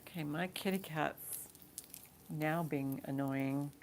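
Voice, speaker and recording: Casting: woman, deep-pitched casual auctioneer for live selling, informal and chatty, faint noise behind. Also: slow, darkish tone. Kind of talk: casual live-sale auctioneering, counting down bids.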